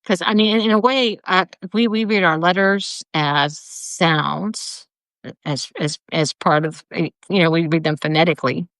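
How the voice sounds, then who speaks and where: A woman in casual chat, explaining slowly with many restarts and fillers. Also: on the low side, fairly bright tone, no echo. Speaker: co-host.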